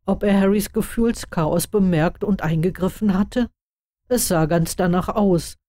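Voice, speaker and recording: A woman narrating fan fiction in a calm, even storytelling voice. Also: medium pitch, measured pace, no room sound, clean studio sound. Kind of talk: audiobook reading of fan fiction.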